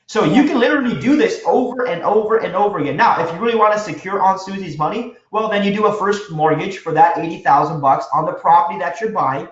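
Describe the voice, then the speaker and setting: Energetic high-voiced man teaching a seminar. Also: quick pace, few pauses. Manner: energetic, quizzes the audience with questions. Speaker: real estate instructor. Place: seminar room with a live audience. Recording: echoey room, dull lo-fi sound.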